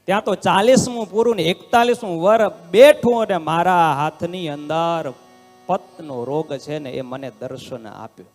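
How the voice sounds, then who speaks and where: High-pitched male swami preaching a devotional story with dramatic swings from loud to hushed, in a reverberant hall with soft music. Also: unhurried. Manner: dramatic delivery, swinging between loud exclamations and hushed lines. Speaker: swami giving a religious discourse. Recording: long hall reverb with faint instrumental music.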